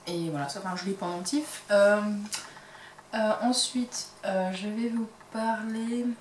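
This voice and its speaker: A woman's voice: mid-range voice, measured pace, a little mellow, reverberant. A woman talks casually about her crafts, hesitating often, in a mid-range voice. She sounds a little far from the mic in a resonant room, with a faint hum of ambience behind her. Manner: chatty, hesitant, many fillers. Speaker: crochet and knitting podcast host. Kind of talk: casual chat showing items to camera. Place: home craft workshop.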